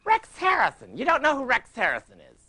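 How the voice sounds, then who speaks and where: An actor playing a pompous, oblivious, fussy middle-aged talk show host who gushes and is prissy, on a TV set. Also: male voice, extremely high pitch, wildly swooping pitch, fairly quick, pushed and bright, full character voice. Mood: gushing. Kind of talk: improvised comic interview.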